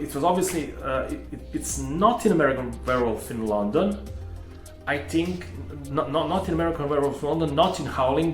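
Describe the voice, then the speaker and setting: A man, hosting his own channel and telling a personal story in a hesitant, rambling way full of restarts. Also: on the high side. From Serbia. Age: 30s. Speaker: channel host. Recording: echoey room with faint music.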